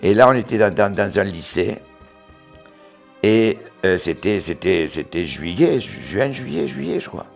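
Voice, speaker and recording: A man in his eighties with a southern French accent from Montauban, reminiscing in an interview, often halting and repeating words as he recalls. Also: fairly low pitch, expressive, creaky, soft background music. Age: 80s. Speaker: interviewee, retired dancer.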